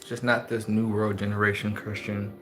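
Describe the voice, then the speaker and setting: A man's voice: on the low side, level tone, moderate pace, a bit bright. A man vlogging a casual mukbang, rambling on as he eats and talking with his mouth full. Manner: rambling, chats while chewing.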